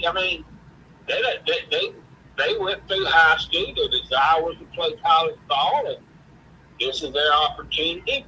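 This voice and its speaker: Bright, high-pitched man with Mississippi drawl. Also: slight background noise, low-quality recording. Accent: Southern US, Mississippi. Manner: folksy Southern drawl. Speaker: sports show host. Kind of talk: casual sports chat.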